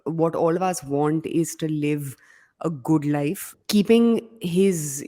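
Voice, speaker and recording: A woman from India co-hosting a podcast, chatting casually about business news with emphatic, animated delivery and lots of fillers. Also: deep voice, takes it slowly. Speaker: podcast co-host.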